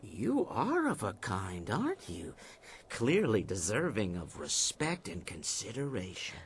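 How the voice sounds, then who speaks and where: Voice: mid-range voice, wildly swooping pitch, a little slow. An actor voicing a wary keeper of a haunted inn in a video game, speaking formally and with suspicion. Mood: guarded.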